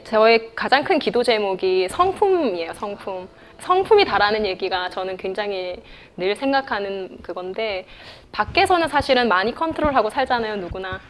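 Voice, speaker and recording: A woman's voice: medium pitch, animated, moderate pace, few pauses, a little hiss or hum. A woman in her thirties, a classical and gospel singer, answering interview questions in an earnest, candid way and laughing often. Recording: music bed under the voice. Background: soft instrumental music.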